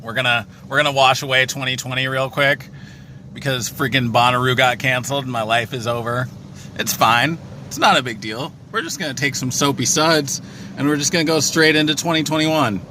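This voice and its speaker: A man's voice: medium pitch, steady tone, fairly quick, sharp tone, a little hiss or hum. A man talking emphatically in a casual vlog, recorded inside a car going through a car wash. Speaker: music festival vlogger.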